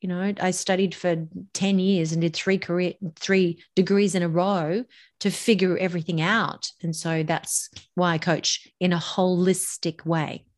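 Speaking a little slowly in a lowish voice, a middle-aged voice coach appears as a podcast guest. She delivers public speaking advice with animated emphasis, lengthening words for effect.

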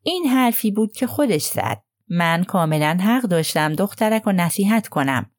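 A woman's voice: on the low side, big pitch swings, no echo, clean studio sound. A woman voicing a gossipy middle-aged nurse who talks in a hesitant, confiding way.

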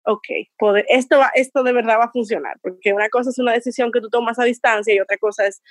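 A woman from the Caribbean, in her thirties, tells a personal story as a guest. Her voice sits high, and she laughs often. The recording is dry and close. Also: steady tone, fast, no echo. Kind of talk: casual interview.

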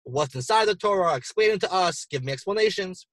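Animated man retelling a story. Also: fairly quick, no echo. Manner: animated, acts out quoted lines with big jumps in pitch. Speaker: podcast co-host explaining the weekly Torah portion. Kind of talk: casual storytelling commentary.

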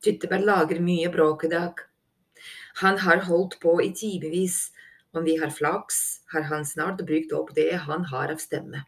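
A woman's voice: lowish voice, fairly even intonation, lightly acted. A woman voicing a dutiful male mole guard in a fantasy audiobook, grumbling in a dry, weary way.

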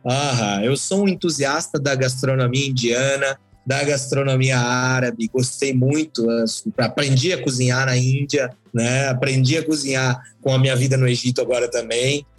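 A man's voice: mid-range voice, steady tone, moderate pace, few pauses, no echo, soft background music. A man chatting as a podcast guest, telling rambling travel stories with folksy asides. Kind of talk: casual podcast chat.

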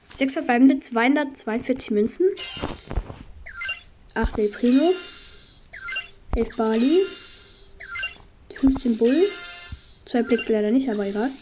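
Hoarse woman doing upbeat game commentary. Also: on the high side, noisy background. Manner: upbeat, reads out item counts in quick bursts. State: slightly hoarse from a cold. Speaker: gaming channel host. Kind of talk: casual gameplay commentary. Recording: dull lo-fi audio with game music. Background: game music.

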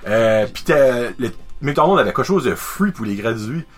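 A man, a guest on a casual podcast, telling stories in an animated way with English words mixed in. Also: mid-range voice, moderate pace, faint music behind.

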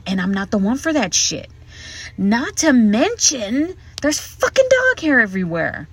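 The podcaster's voice is medium in pitch and slightly rough. She records a casual solo episode in a hotel room closet where her mic is set up, telling stories in a frank, chatty, swear-filled way.

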